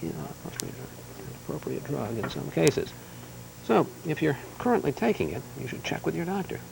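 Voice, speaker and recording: A man's voice: on the high side, sing-song, fairly quick, vocal fry, background noise. A male TV news correspondent rehearsing his piece to camera for a raw feed, repeating his lines and cursing at his own slips. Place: remote location.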